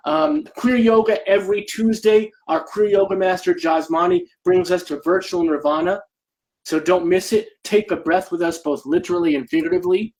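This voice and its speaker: A man's voice: sits high, a little fast, few pauses, darkish tone, poor audio. A man hosting a virtual talk show, welcoming and announcing in an effusive, theatrical showman's manner with repeated, emphatic words. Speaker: host of a nightly virtual talk show and activist.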